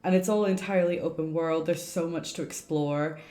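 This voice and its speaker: A woman chats casually while livestreaming a game from an indoor room setup. Her deep, mellow voice is fairly quick with fairly even intonation, picked up by a roomy streamer mic alongside game music.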